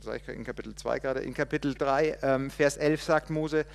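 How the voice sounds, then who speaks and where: A man preaching a sermon, shifting between loud emphatic quotations and quiet, reflective passages, with hesitations as he looks up verses. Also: mid-range voice, normal speed, vocal fry, big-room sound. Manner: restarts and hesitates while looking up verses.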